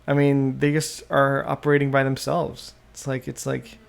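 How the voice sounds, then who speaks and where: Guy with a gravelly voice rambling on his own podcast, keeps trailing off and starting over, desktop mic. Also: medium pitch, monotone, moderate pace. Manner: musing, trailing off and restarting often. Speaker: podcast host. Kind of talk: rambling solo podcast monologue. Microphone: USB desktop microphone.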